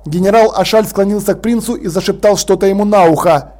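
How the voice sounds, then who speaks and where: A male audiobook narrator with a notably high voice, reading in a steady, matter-of-fact manner. His delivery stays even between the characters' lines. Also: quick pace.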